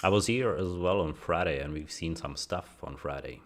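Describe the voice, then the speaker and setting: A man's voice: sits low, moderate pace, a little hiss or hum. A young man from the Czech Republic chatting in a laid-back, easygoing way as a stream guest. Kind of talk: casual chat.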